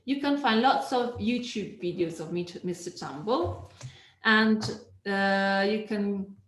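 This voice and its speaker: A woman teacher trainer giving an online teaching webinar, lively and demonstrative, sometimes singing or humming examples. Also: medium pitch, takes it slowly, reverberant, rough recording.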